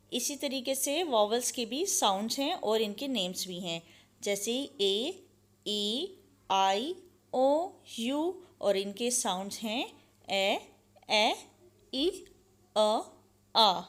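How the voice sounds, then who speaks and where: Female teacher, higher voice, unhurried; drills vowel sounds one by one. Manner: slow, carefully spelled-out sounds. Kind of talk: phonics lesson explanation.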